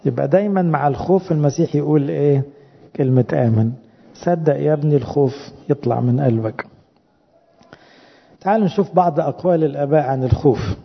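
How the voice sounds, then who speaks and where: A man with an Egyptian Arabic accent delivers a sermon and keeps asking his listeners questions. His fairly high voice has a rough, gravelly edge. The recording is dull, and a long reverb trails after each phrase. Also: fast talker, pauses often. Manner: rhetorical questions to the congregation. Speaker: preacher.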